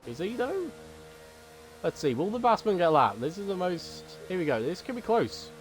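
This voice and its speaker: A man commentating a sim racing league race, excitable at big moments and later deliberately subdued. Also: sits high, faint music behind.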